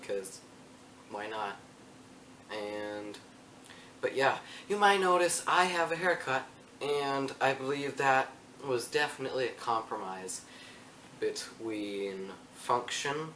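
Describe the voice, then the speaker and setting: A man's voice: mid-range voice, fairly bright tone, recorded from a distance, a little hiss or hum. A young man hosting a casual vlog at home, rambling and playful, often breaking off mid-thought. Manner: rambling, self-interrupting, playful. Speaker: vlogger. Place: room at home. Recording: roomy echo, mic set back.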